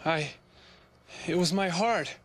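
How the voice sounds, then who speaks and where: A young man playing a timid, dog-like young man who speaks haltingly and eagerly. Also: high-pitched, fairly bright tone, heavily acted. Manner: halting, hesitant, eager to please.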